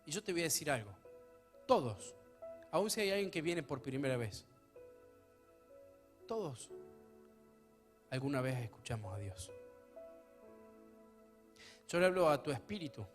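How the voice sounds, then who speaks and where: A man preaching a sermon as pastor of a church, his delivery swinging between hushed, intimate stretches and loud, emphatic ones. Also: fairly high pitch, animated, a little slow, pauses often, faint music behind.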